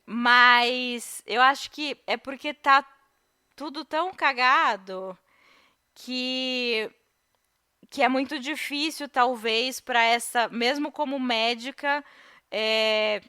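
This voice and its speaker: Bright clear-voiced Brazilian woman. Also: a little high, fairly even intonation, slow pace. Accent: Brazilian Portuguese. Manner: hesitant, many fillers and restarts. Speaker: podcast guest. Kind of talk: casual film discussion.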